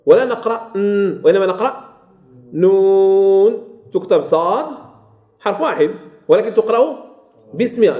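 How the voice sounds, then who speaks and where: A man's voice: high voice, warm tone. A man with a Moroccan accent teaching the rules of Quran recitation in a classroom lesson. He repeats key phrases and quizzes his listeners as he goes. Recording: echoey room.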